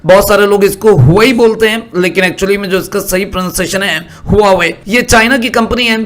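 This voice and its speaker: A man's voice: high-pitched, steady tone, fairly quick, fairly bright tone. A man giving stock market commentary over a screen share, explaining patiently and often checking that the listener is following. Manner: explanatory, asks "are you following me" often.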